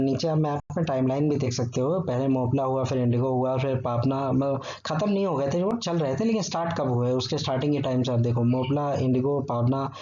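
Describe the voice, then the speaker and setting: A man's voice: mid-range voice, warm tone. A man teaching an exam-prep history lesson, explaining step by step and checking in with the listener often. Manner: explanatory, repeats "ठीक है" often. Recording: dull lo-fi sound with faint background noise.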